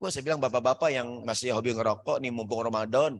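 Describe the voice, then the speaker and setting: A man preaching a lively, jokey sermon in a mosque, often calling out to the audience and acting out characters in higher voices. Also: fast talker. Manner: lively, jokey, keeps addressing the audience as "hadirin". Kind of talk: humorous sermon to an office congregation. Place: mosque prayer hall.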